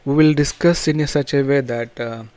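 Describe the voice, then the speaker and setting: Male tutorial instructor, Telugu accent, halting informal explanations, mid-pitched voice, dry recording. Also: steady tone, darkish tone, no echo. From south India. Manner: halting, repetitive phrasing with broken restarts. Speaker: programming instructor.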